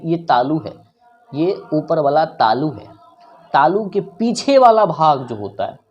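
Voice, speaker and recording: A man's voice: high-pitched, a little hiss or hum. A man teaching pronunciation, repeating words over and over to demonstrate sounds and mixing in English phrases. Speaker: language teacher. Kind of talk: pronunciation lesson.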